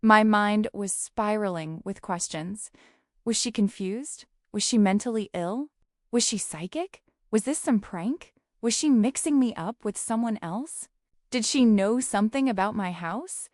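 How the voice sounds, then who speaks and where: Female storyteller, first-person narration, casual slangy delivery, middle pitch, dry close sound. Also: a little slow, darkish tone, dry recording.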